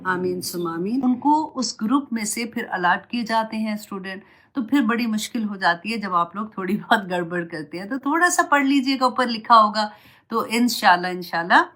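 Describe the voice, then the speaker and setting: Her pitch is medium as this woman, a Quran teacher, gives soft, motherly religious counsel with English words mixed in.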